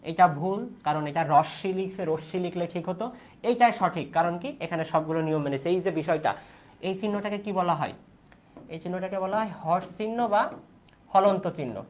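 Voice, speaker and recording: A man's voice: high-pitched, moderate pace. A young man from Bangladesh teaching an online exam-prep class in Bengali, asking questions and repeating the key answers.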